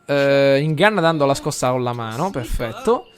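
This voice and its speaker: A man with an Italian accent commentating a life simulation game for his viewers, chatty, talking to the audience and getting loud and excited during the action. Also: mid-range voice, moderate pace. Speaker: gameplay commentator. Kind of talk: let's play commentary.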